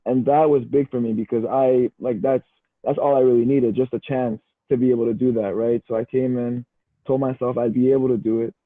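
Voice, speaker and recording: Speaking a little fast in a mid-range voice with no room sound, this young adult is a Canadian university football player on a casual podcast. Relaxed and easygoing, he often says "bro" and "you know," and his line sounds tinny, dry and phone-like.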